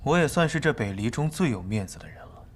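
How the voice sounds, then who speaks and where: An actor playing a calm, clever young nobleman who speaks quietly and with measure. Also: medium pitch, slight background noise, natural voice. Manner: quiet, measured, sometimes whispering. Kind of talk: period drama acting.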